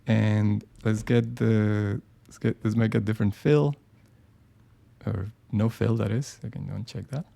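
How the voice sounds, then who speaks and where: A man demonstrates design software in a live on-screen tutorial, speaking casually and thinking aloud, with many ums and restarts. His voice is fairly low, gravelly and dark, steady in tone and a little slow.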